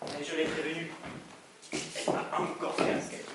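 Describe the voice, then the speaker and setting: A man's voice: a little high, level tone, moderate pace, natural voice. A man acting a touchy, stammering son who has just lost his father, on stage in a live play, with a southern French accent. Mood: stubborn. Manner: stammers and flares up in indignant bursts. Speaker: stage actor. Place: theatre stage. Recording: echoey theatre, distant mic, audience noise.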